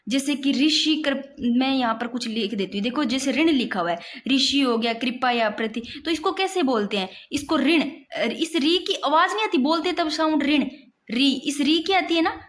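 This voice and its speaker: A young woman teaching Hindi grammar in a casual, insistent way, often saying "look" as she writes out examples. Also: high voice. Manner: repeats "dekho" often, insistent and explanatory, writes while talking. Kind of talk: casual classroom explanation.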